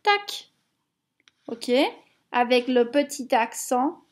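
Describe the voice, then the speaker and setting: A woman with a high voice teaches young children a homework lesson. She talks very slowly, with patient encouragement and plenty of repetition. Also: expressive. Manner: slow, patient and encouraging, repeating words.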